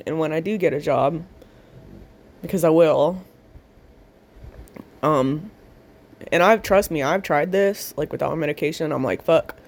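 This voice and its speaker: In a low-pitched, slightly mellow voice, a woman records a rambling, profane audio diary on a handheld recorder held up to her mouth. The talk is casual, slow, and marked by long pauses.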